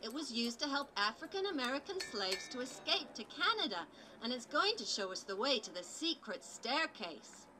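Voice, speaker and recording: A woman's voice: high voice, big pitch swings, normal speed, few pauses, noisy background. A woman voicing a cheerful, helpful little girl explorer puppet, chirpy, instructive and sing-song, in a live children's show. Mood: pleading. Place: outdoor farmyard puppet booth.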